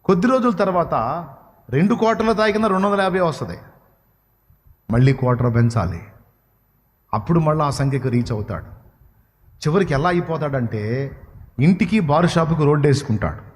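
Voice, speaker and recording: A man preaches to a congregation with an impassioned, questioning delivery. His voice sits a little high for a man and swells toward pleading cries. A long reverb trails behind him, as in a large hall. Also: animated, brisk, pauses often. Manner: asks the audience questions. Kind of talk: sermon.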